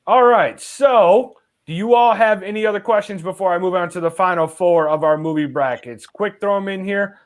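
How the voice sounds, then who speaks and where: A man's voice: sits high, moderate pace, hardly any pauses. A man hosting a casual live stream, reading viewer comments aloud with many "uh" fillers. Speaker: host.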